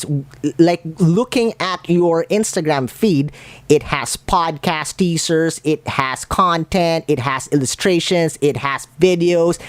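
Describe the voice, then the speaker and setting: A woman in her thirties with a Filipino accent, a branding coach speaking in an animated, emphatic podcast conversation. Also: sits low, dry recording. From Philippines. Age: 30s. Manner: animated, emphatic repetition, playful.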